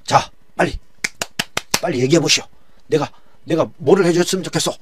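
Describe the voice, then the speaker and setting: A man's voice: a little high, a little fast, background noise, voice pushed up, close to an everyday voice. A man doing an imperious, hot-tempered king. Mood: commanding. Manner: imperious and blunt. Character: commanding, hot-tempered ancient male king. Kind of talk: dramatized Bible retelling.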